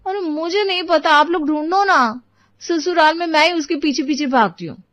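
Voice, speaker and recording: Woman as a sassy bossy young daughter, fairly high voice, storybook acting, dry dull recording. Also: moderate pace, fairly bright tone, dry recording.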